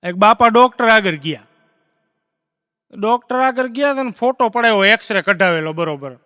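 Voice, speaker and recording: Bright high-voiced comedian on stage. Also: male voice, moderate pace, clean tone, no echo, clean studio sound, big-room sound. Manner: lively storyteller acting out characters. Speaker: stand-up comedian. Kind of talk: live stand-up joke telling.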